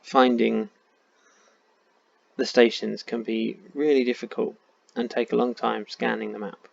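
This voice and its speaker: A man's voice: medium pitch, little pitch movement, measured pace, creaky, slightly rough. A man with a tired voice, thinking aloud in casual commentary while playing a map game. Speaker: game streamer. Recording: dull lo-fi sound.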